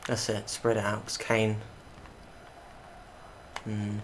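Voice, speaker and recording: A man's voice: lowish voice, completely flat delivery, slow, a little hiss or hum. A British man giving casual gameplay commentary as a gaming YouTuber, muttering running reactions to the play.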